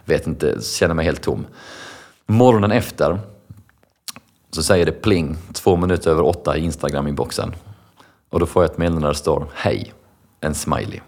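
A man's voice: rumbling low, long pauses, a little mellow. A young man, a lecturer, answering interview questions in an earnest storytelling way. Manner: earnest, storytelling, acts out quoted voices. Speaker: lecturer and speaker. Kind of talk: conversational interview answers with anecdotes.

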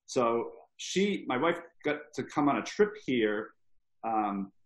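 A man in his thirties from Rhode Island, chatting casually as a guest and letting his stories wander in an easygoing way. His voice sits at a middling pitch. The room adds a noticeable echo. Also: slow pace. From Rhode Island, USA. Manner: relaxed, rambling storyteller. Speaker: podcast guest. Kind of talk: casual chat. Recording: roomy echoey sound.

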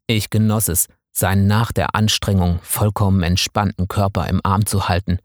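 A man calmly reading a first-person story aloud in measured scripted narration. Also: deep voice, no echo, studio quality. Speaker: audiobook narrator.

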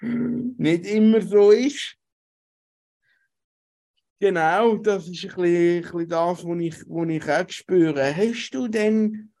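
A man's voice: high voice, creaky, a little mellow. A man hosting a radio interview, hesitant and stumbling over restarts. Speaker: radio host.

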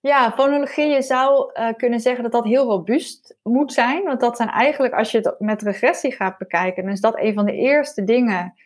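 A woman's voice: on the high side, moderate pace, hardly any pauses. A woman language researcher explaining her findings in an interview, thoughtful and a little hesitant.

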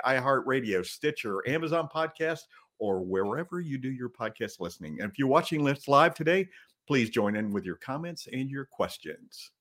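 A man's voice: mid-range voice, a bit bright. An American man chatting casually as a podcast co-host. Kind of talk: casual chat.

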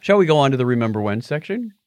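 Loud music plays behind a medium-pitched male voice that races along on a casual tech podcast. As a co-host, he's lively, rambling, and constantly fixing what he just said.

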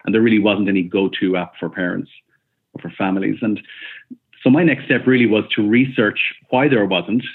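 Here the same kind of guest, a founder in his forties, answers interview questions casually across thin, phone-like call audio. He sounds husky and a little fast, his pitch on the low side and steady, often pausing with ums and starting over as he thinks.

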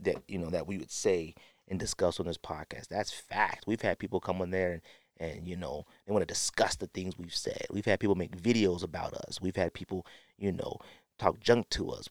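Here a middle-aged man hosts his podcast, his voice sitting low with no echo around it. He talks through an opinionated, casual monologue, hammering points home and repeating phrases for effect.

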